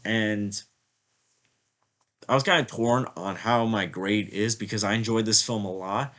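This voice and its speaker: A little slow and steady in tone, a man with a lowish but fairly bright voice rambles through a casual film review. He has a slight cold and sniffles a bit, filling his sentences with "like" and "I feel like."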